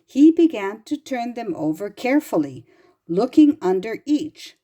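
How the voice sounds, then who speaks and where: A woman reading a children's storybook aloud in an expressive, gentle and deliberate manner, as if to young listeners. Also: fairly high pitch, highs cut off. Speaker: storybook reader.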